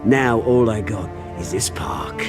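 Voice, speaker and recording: An actor playing a cocky, volatile British rogue, a fallen heir turned revolutionary, taunting and theatrical in a video game. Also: male voice, on the low side, animated, takes it slowly, over music. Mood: bitter, wistful.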